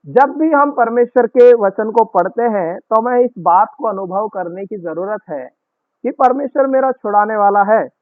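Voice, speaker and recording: A man preaching a sermon as pastor, earnest and repetitive, leaning slowly on key words. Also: high-pitched, lively intonation, dry recording. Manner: earnest, repetitive preaching with slow emphatic stresses. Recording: tinny phone-like dry recording.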